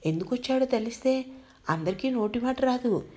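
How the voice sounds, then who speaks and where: A woman's voice: fairly high pitch, lively intonation, moderate pace, darkish tone, lightly acted. A woman voicing a scheming woman who mocks the family in her thoughts. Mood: scornful. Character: scheming woman, scornful and sly.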